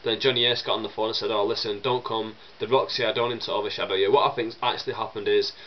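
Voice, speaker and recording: On dull audio with slight background noise, a young man's lowish voice keeps a steady tone at a quick pace. He's got a chesty cold, coughing and sniffling as he casually rambles through viewer questions in his vlog, full of fillers and restarts.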